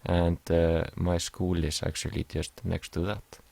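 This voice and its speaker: Very low gravelly man. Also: flat delivery, measured pace, darkish tone, no echo. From Iceland. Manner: hesitant, many fillers and restarts. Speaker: music production student. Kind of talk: explaining a class assignment over slides.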